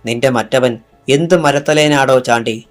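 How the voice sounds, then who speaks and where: A man reading the part of a furious, bullying police superintendent who yells, in an audiobook. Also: mid-range voice, unhurried, soft background music, natural voice. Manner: yelling.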